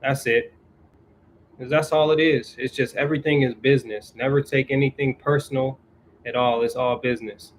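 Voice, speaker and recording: A young man talks in a relaxed, conversational way, answering his viewers and circling back to repeat his main points. His voice sits in an ordinary middle register. A faint hiss runs behind him. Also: medium pitch, normal speed, poor audio. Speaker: YouTube host answering viewers. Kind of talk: casual advice chat.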